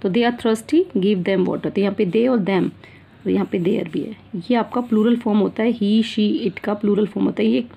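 Speaking at a normal speed, an Indian teacher with a mid-range, gravelly, dark and slightly rough voice teaches children English grammar. She mixes Hindi and English, calls her pupils "beta", and repeats things while asking "theek hai na".

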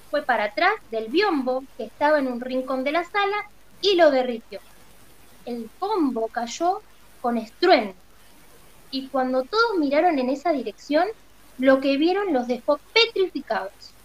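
A woman's voice: high-pitched, poor audio. A woman teacher with an Argentine accent, reading a children's book aloud expressively. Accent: Argentine Spanish.

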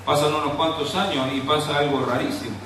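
A man with a Rioplatense Argentine accent preaches a sermon in a slightly high voice. He moves from quiet storytelling to fervent, raised exhortation. He is picked up from a distance in a very echoey church hall with faint background noise. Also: steady tone, fairly quick.

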